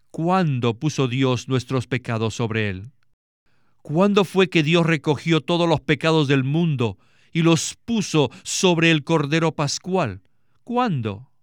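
A man's voice: mid-range voice, no echo, clean studio sound. A man interpreting a sermon with an earnest, preaching cadence.

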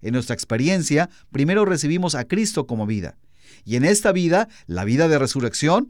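A man co-hosting a Bible program, explaining scripture in a steady, teaching way. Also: a little high, fairly quick, dry recording, studio quality. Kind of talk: explaining scripture in a studio discussion.

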